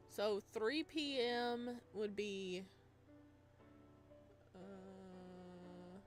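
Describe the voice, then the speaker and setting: A woman who streams games reads a visual novel aloud in a medium-pitched voice, narrating expressively and tossing in playful, casual asides.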